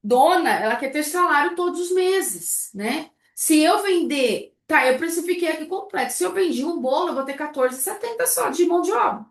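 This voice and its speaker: A woman teaching a live online class, keeping up a lively run of rhetorical questions to her students. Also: sits high, normal speed, hardly any pauses, reverberant. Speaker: baking business instructor.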